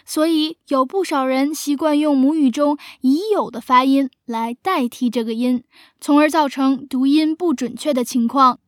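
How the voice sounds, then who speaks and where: Woman, lesson host, clear careful explanation, high voice, dry close recording. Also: fairly even intonation, moderate pace, no room sound. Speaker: English teacher and host. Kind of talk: scripted radio lesson.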